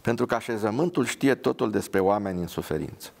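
A man's voice: lowish voice, lively intonation, gravelly. A man reading a pious young nurse. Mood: earnest. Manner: earnest, scolding.

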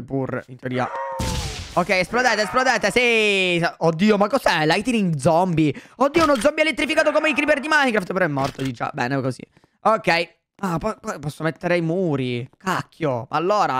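A young man commenting on a video game for his viewers, excitable and full of exclamations. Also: fairly high pitch, moderate pace, slight background noise. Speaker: gaming YouTuber. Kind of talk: Let's Play commentary.

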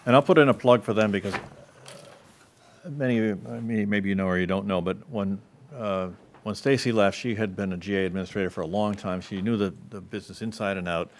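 A man on a town select board talking through budget numbers at a meeting, measured and hedging, with frequent restarts, into a table microphone in a meeting room. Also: on the low side, a little hiss or hum.

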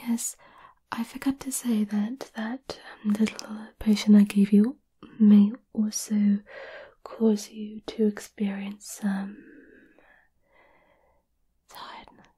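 A woman doing a whispered role-play as a gentle, caring witch, soothing and a little hesitant, close to the microphone. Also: medium pitch, little pitch movement, slow, pauses often. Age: 20s. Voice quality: breathy whisper. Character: gentle, caring centuries-old witch offering potions. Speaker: ASMR performer. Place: small candlelit indoor room.

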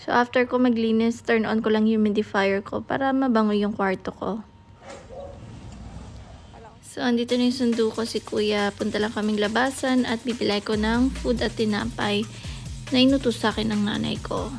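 A woman's voice: fairly high pitch, steady tone, normal speed, gravelly, soft background music. A young woman from the Philippines chatting casually to viewers in a vlog, filmed on her phone. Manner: chatty, addresses viewers directly. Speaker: vlogger. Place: home bedroom, then riding a motorcycle outdoors. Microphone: phone held at arm's length.

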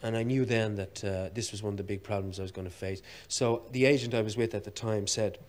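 A man's voice: lowish voice, steady tone, brisk, darkish tone. A man with an Irish accent, an actor telling wry anecdotes in a television interview, hesitating often with ums and uhs. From Ireland. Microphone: television studio microphone.

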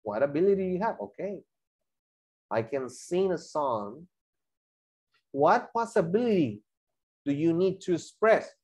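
Lively, slow-talking teacher. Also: male voice, a little high. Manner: switches between Spanish and English, lively and chatty with students. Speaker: English teacher. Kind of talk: online class explanation.

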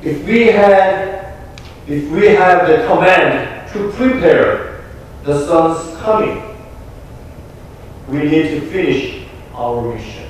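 A young man with a Korean accent, a pastor delivering an earnest, emphatic sermon with deliberate pauses. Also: fairly high pitch, expressive, a little hiss or hum. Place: small church sanctuary. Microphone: room mic from a distant camera. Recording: echoey church from far off.

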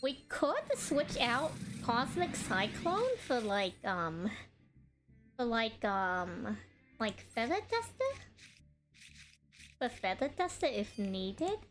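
A woman's voice: fairly high pitch, wildly swooping pitch, slow pace, pauses often, a bit bright, soft background music. A woman streaming a card game, chatting casually and bubbly, laughing often and talking while she eats.

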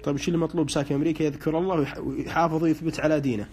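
A man's voice: on the high side, fairly even intonation, rapid-fire, a little mellow, breathy edge. A man on a live broadcast, interpreting dreams and asking callers short questions, with a pious, hedging way of speaking. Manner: hedging with religious phrases.

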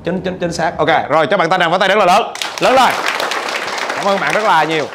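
At a seminar with crowd and background noise, a middle-aged business trainer from Vietnam talks fast in a high voice. He is animated and joking, repeats his words, and keeps questioning the audience.

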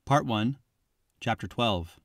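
A man's voice: mid-range voice, lively intonation, slow, dry recording, clean studio sound. Man reading a confiding first-person audiobook. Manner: reflective, confiding, addressing the listener as "you". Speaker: audiobook narrator.

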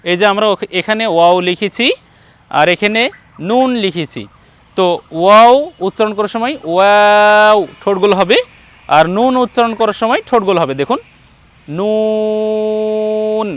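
A man's voice: high voice, brisk, fairly bright tone, clean tone. A man teaching Quran recitation one-on-one, patiently modelling each letter sound and encouraging his student. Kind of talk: patient one-on-one pronunciation lesson.

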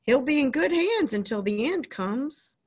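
A woman's voice: high voice, big pitch swings, unhurried, voice pushed up. A woman voicing a blunt, matter-of-fact country doctor in a storybook reading, speaking firmly and plainly. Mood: persuasive.

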